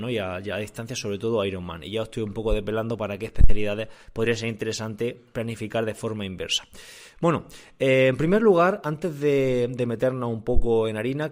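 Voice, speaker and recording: A man speaking casually as a podcast host and coach, explaining things and often rephrasing as he goes. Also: medium pitch. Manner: conversational, often repeats and rephrases. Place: room indoors. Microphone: condenser microphone.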